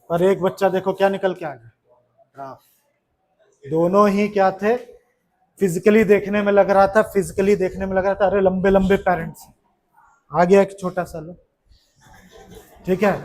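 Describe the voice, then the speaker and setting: एक पुरुष शिक्षक कक्षा में छात्रों को पढ़ा रहा है, बार-बार सवाल पूछता है और मज़ाक में छेड़ता है।. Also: male voice, high-pitched, steady tone, moderate pace, long pauses, a little mellow. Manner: chatty, keeps asking questions, teasing. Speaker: teacher. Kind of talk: classroom lesson to students. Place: classroom.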